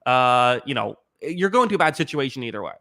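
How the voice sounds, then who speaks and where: A man hosts a relaxed sports podcast with a bright, forward tone. He rambles through his points, full of "like" and "uh" and restarts. His pitch sits in the middle. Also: fairly quick. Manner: rambling, many fillers and restarts. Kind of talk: casual sports chat.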